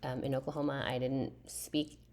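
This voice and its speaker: Chatting casually to camera, a soft-spoken Filipina in her thirties responds to her viewers' questions, speaking hesitantly with lots of fillers, pauses and restarts. Her voice is very low with a gravelly fry, and her native tongue is a Philippine language.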